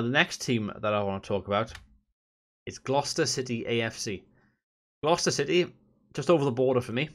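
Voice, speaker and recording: A man's voice: mid-range voice, a bit bright. A man from south Wales with a Valleys accent, giving casual, chatty commentary as host of a gaming vlog. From Merthyr Tydfil, south Wales. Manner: informal, chatty explaining.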